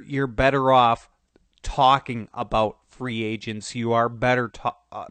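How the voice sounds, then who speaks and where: A man's voice: medium pitch, fairly bright tone, no room sound. Man with a nasal, cold-stuffed voice. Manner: rambling, many restarts and fillers. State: congested with a cold. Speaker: podcast host. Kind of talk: casual sports talk commentary.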